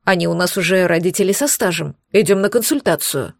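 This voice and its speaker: A woman reading the part of a devoted incubus husband, delivered softly and unhurried. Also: on the low side, expressive, creaky, dry recording, studio quality. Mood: joyful.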